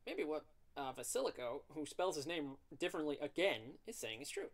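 A man's voice: fairly high pitch, vocal fry. A man playing a visual novel on his channel, reading the text aloud and joking about the bad writing. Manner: animated, rambling, quick to mock the writing. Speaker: gaming YouTuber. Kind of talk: let's play, reading game text aloud with commentary.

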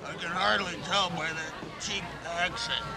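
A pushy Bronx street hustler. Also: male voice, high voice, fairly even intonation, creaky, a loud crowd, very noisy. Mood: wheedling. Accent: Bronx New York. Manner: fast-talking, wheedling, a sleazy salesman's patter. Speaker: comic actor. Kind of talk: sketch comedy acting.

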